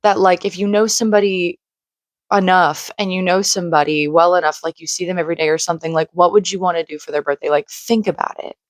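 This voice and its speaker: A woman in her late twenties is vlogging by a shared wall at home, her speech quick, earnest, and rambling, with heavy use of "like". Her voice is fairly low with fairly even intonation, a bit crackly from screaming, and there's no echo.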